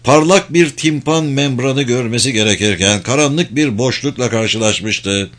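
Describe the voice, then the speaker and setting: A man reading a suspenseful novel aloud in a measured, steady narration. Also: mid-range voice. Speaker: audiobook narrator. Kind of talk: scripted narration.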